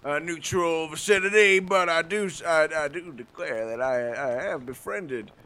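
A man's voice: fairly high pitch, normal speed, pushed and bright. A man playing a half-deaf, pompous old judge in an improvised comedy scene, rambling and declaring in a folksy drawl.

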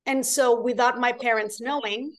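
Guest, woman, voice sitting a bit high; earnest, rambling, restarts sentences. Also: steady tone, normal speed. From Portugal. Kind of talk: casual interview chat.

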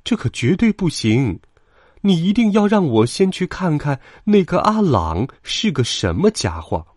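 A man voicing a protective, indignant mother sheep who talks in a sharp, demanding way. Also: a little high, very animated, measured pace, no room sound, studio quality, pitched above the performer's own voice.

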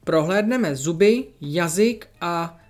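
A storyteller voicing a mischievous, bossy little girl who talks in a playful, excited way. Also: medium pitch, faint music behind, lightly acted.

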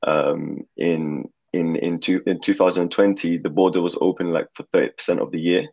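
A young man from Gaza, a student, a podcast guest, talking in a measured way and repeating words. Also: deep voice, fairly even intonation, a little mellow, dry recording, lo-fi sound. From Gaza, Palestine. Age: young adult. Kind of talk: casual podcast interview.

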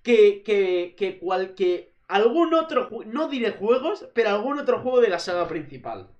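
A man's voice: sits high, very animated, moderate pace, a little mellow, muffled recording. A man from co-hosting a casual podcast, talking emphatically and mimicking his younger self. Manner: emphatic, acts out his past self in a drawling voice. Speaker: podcast co-host. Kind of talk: casual chat.

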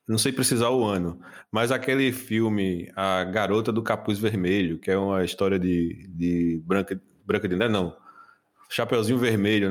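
A man hosting a podcast, telling funny stories in casual chat and laughing often. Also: lowish voice. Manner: jokey storyteller, laughing often. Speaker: podcast host.

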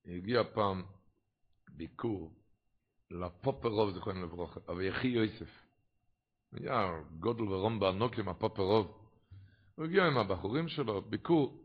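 Gravelly man giving a storytelling sermon. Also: fairly low pitch. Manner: rises to loud animated retelling in stories. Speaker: rabbi. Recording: dull lo-fi recording.

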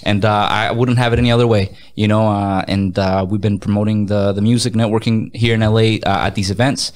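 Speaking fairly quickly in a lowish voice, this man from Mexico, a music artist in his thirties, chats as a guest in a relaxed interview. He is full of energy, tends to repeat himself, and drops in bits of Spanish.

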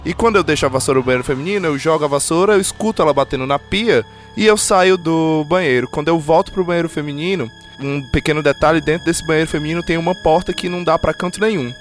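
A man from Ceará with a Cearense accent, a podcast guest telling a story in brisk, suspenseful casual chat. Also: a little high, soft background music. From Ceará, Brazil.

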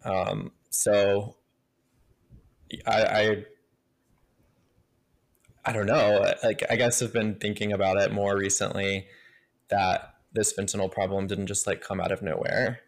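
Reflective male co-host, unhurried and hesitant, flat intonation, casual. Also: lowish voice, creaky.

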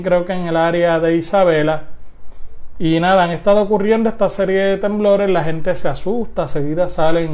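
High-voiced Puerto Rican man hosting. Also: dark tone. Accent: Puerto Rican Spanish. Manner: conversational, frequent hesitations. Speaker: live-stream host. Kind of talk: casual live commentary.

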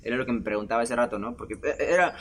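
A man's voice: medium pitch, racing, a bit bright, a little hiss or hum. A young man, hosting a podcast and telling a personal story in a chatty, self-mocking way, often laughing between phrases. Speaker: podcast host. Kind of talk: casual storytelling monologue.

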